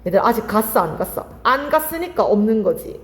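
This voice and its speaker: A woman's voice: on the high side, very animated, brisk, big-room sound. A woman teaching Korean literature for exam prep, firing questions at her students and answering them herself. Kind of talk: lively exam-prep lecture.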